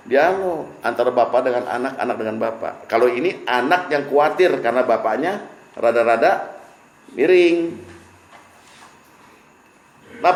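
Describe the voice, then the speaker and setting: Joking as he goes, a preacher with a voice on the high side runs an informal religious study group and constantly asks the audience questions. The room echoes, and there's a little hiss or hum.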